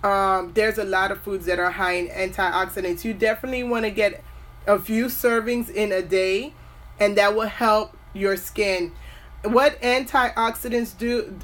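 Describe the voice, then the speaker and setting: A woman's voice: mid-range voice, a bit bright. A woman in her forties hosting a skincare video, giving earnest, motivational advice and drifting off topic now and then. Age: 40s. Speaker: skincare host. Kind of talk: casual talking-to-camera advice.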